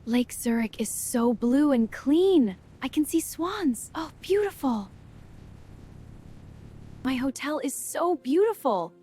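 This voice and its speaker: Calm wonder colors this beginner English lesson, narrated by a high-voiced woman playing an excited young tourist. She speaks very slowly and keeps her sentences short and simple.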